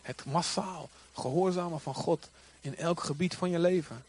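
A male pastor preaching a sermon with passion, rising now and then to loud cries. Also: on the high side, moderate pace, breathy edge.

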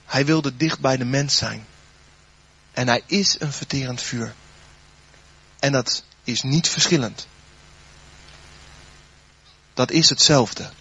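A man preaching a sermon, then leading a spoken prayer, his voice swelling loud and dropping soft. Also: mid-range voice, takes it slowly, pauses often, slightly rough, muffled recording.

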